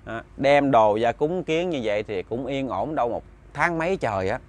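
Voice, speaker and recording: A man's voice: mid-range voice, animated, normal speed. A man with a Southern Vietnamese accent telling a ghost story in a chatty, casual way, speaking directly to his listeners.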